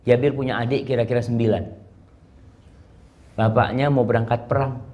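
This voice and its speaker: A man preaching a sermon and telling a story in an animated way, moving between plain narration and recited Arabic. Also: mid-range voice, normal speed, muffled recording.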